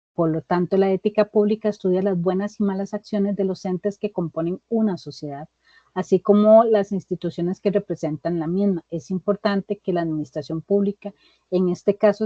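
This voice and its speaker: A woman's voice: mid-range voice, mellow, no room sound, dull audio. A woman tutor giving a lecture in an online tutoring session, explaining step by step and checking in with her students.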